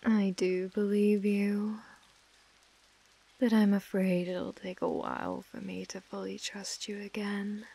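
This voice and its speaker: A woman's voice: mid-range voice, flat delivery, slow, vocal fry, dark tone, slightly rough, exaggerated voice. A British woman playing an obsessive mafia heiress who speaks with controlling, condescending affection in an ASMR role-play. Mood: menacingly tender. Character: possessive, obsessive female mafia heiress, menacingly tender captor.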